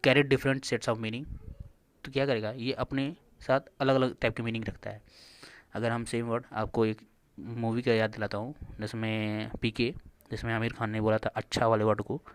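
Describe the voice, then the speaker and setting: A teacher reads short English passages at a slow, careful pace and then switches to fast, loose explanation. He restarts phrases often and checks in with his class as he goes. His voice sits at an ordinary middle pitch for a man. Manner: reads English lines slowly, then explains quickly in Hindi. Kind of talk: reading an English lesson aloud and explaining it in Hindi.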